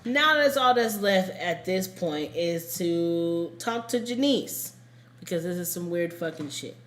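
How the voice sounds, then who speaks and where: A woman hosts a true crime podcast, telling the story casually and emphatically and repeating points to drive them home. Her voice is lowish, expressive, and fairly bright, and she speaks a little slowly. The casual recording was made in an echoey room with a little hiss or hum.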